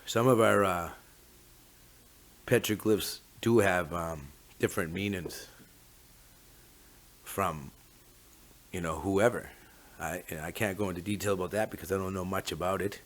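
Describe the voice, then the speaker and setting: A man's voice: low voice, steady tone, a little slow, long pauses. A man with a Mi'kmaq First Nations Canadian English accent giving an informal, reflective, rambling talk, often tagging his phrases with "eh". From Mi'kma'ki, eastern Canada. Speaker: host of a talk on traditional teachings.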